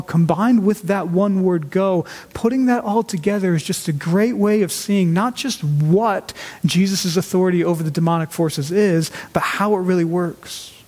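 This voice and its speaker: Male pastor with a high voice, earnest emphatic sermon delivery, long hall reverb. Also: a little mellow. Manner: earnest, emphatic preaching with rhetorical questions.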